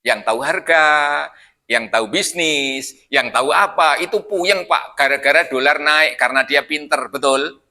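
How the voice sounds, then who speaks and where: An older man gives a mosque study sermon in a high, very bright voice. He talks in a chatty, joking way. He keeps tossing questions at the congregation. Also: moderate pace. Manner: chatty, jokey, keeps asking the audience questions. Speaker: preacher.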